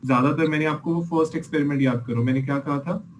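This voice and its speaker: A man's voice: a little high, steady tone, quick pace, a little hiss or hum, poor audio. A man teaching a class as an engineering lecturer, explaining experiment videos patiently and checking in with his students often.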